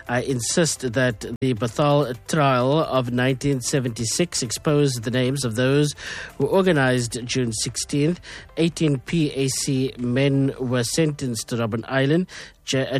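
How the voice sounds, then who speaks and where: A man from South Africa hosting a radio call-in show, talking casually with many fillers. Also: medium pitch. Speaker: radio host.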